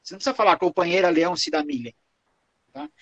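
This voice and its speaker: High-voiced Brazilian man lecturing. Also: expressive, quick pace, no echo, highs cut off. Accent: Brazilian Portuguese. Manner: explanatory, ends phrases with "tá?" and "né?". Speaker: lecturer on Lions Club protocol. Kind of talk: lecture answering audience questions.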